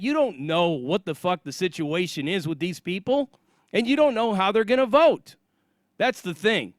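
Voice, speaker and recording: A man's voice: sits high, a bit bright, no echo. A middle-aged American man giving an opinionated casual monologue in a blunt, emphatic, swearing manner. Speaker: online commentator.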